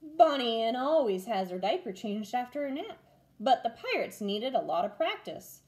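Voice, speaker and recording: Sitting by the window in a small room at home, a young teacher in her twenties reads a picture book to children with expressive storytelling. She teaches first grade, and her slightly high voice keeps a moderate pace.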